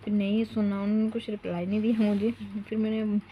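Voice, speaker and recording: A woman's voice: medium pitch, little pitch movement, fast talker, lo-fi sound, a little hiss or hum. A young woman telling a long, rambling story at home in a casual vlog, stopping now and then to coax her small child. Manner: chatty, rambling, breaks off to coax her toddler. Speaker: mom vlogger.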